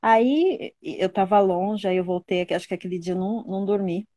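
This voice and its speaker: A woman's voice: mid-range voice, moderate pace, mellow, dry recording. A woman, a guest telling her own cancer story in a casual, emotional way and often repeating words.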